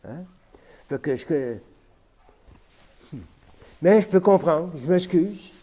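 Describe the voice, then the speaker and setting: A man's voice: fairly high pitch, lively intonation, takes it slowly, warm tone. A man with a Québécois French accent rambling casually in an unedited vlog, full of fillers like "hein" and "man". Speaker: vlogger. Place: at home, smoking on camera.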